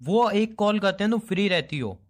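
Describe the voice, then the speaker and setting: A man's voice: medium pitch, a little fast, natural voice. A man playing Umang, the hurt boyfriend. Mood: bitter. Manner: reproachful, sarcastic, quietly bitter. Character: wounded young boyfriend feeling ignored. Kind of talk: amateur romantic audio drama.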